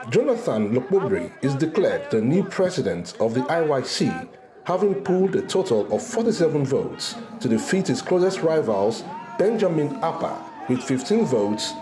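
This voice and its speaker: A male reporter with a Nigerian accent delivers scripted narration. His pitch is average, and his intonation moves up and down in a very animated way. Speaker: field news reporter.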